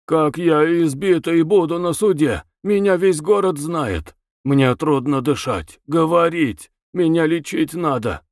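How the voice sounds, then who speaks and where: Guy putting on a shrill hoarse wheezy prisoner, frantic, voice jumping all over, dry close sound. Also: animated, unhurried, few pauses, no echo. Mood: pleading. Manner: shrill, frantic, hiccupping cries. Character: frantic beaten male prisoner, hoarse, whining.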